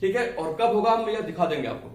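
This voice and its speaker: A man's voice: high-pitched, animated, a little fast, heavy reverb, recorded from a distance. A man teaching chemistry in a lecture style, explaining with everyday analogies and often checking in with his students. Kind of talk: classroom lecture.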